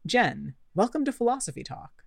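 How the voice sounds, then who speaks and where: A woman co-hosting a radio talk show, introducing the guest and asking clear, probing questions. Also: medium pitch, sing-song, moderate pace, no echo, clean studio sound. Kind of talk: radio interview conversation.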